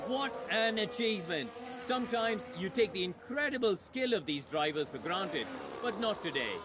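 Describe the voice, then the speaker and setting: A man's voice: high-pitched, expressive, normal speed. A man voicing a composed male race commentator in a video game, with polished announcer delivery. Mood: admiring. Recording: quiet game audio under heavy noise.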